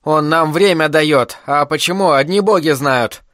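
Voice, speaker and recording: A man's voice: on the high side, measured pace, a bit bright, no room sound. Brief: a terse, practical rebel woman, as a male reader puts her on, dry close voice. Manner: terse, commanding. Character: tough female rebel, brisk and practical.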